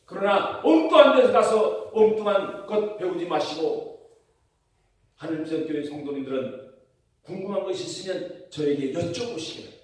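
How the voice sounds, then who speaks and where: A male pastor preaching a sermon in a church, asking the congregation questions and building to loud emphatic declarations. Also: high-pitched, expressive, normal speed. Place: church sanctuary. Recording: very echoey church hall, mic far off.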